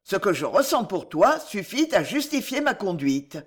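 A reader voicing a menacing male bullfighter who speaks with calm, cold scorn. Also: mid-range voice, normal speed.

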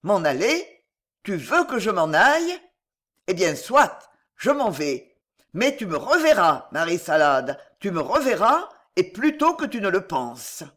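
A reader voicing a menacing male bullfighter who speaks with calm, cold scorn. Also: mid-range voice, a little slow.

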